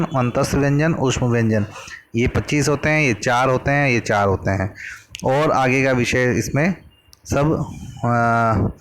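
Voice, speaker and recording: A man teaching a grammar lesson from a worksheet, patiently explaining and drawing out vowel sounds as examples. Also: mid-range voice.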